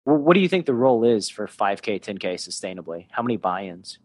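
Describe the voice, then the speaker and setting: A man hosting a podcast interview, asking questions in a relaxed conversational way. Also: on the low side, brisk, dry recording. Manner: conversational, asks leading questions. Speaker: podcast host.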